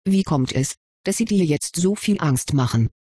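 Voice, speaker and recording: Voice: mid-range voice, lively intonation, moderate pace, dark tone, slightly rough, no echo, studio quality. A reader doing a practical schoolgirl witch, Toyasa. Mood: matter-of-fact. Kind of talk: audiobook reading.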